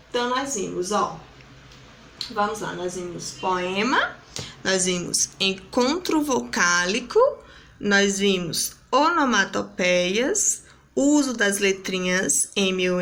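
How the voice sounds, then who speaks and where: A Brazilian woman teaching young children in a recorded lesson. She speaks slowly and patiently in a sing-song teacher's voice, set a little high. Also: fairly bright tone. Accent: Brazilian Portuguese. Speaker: primary school teacher.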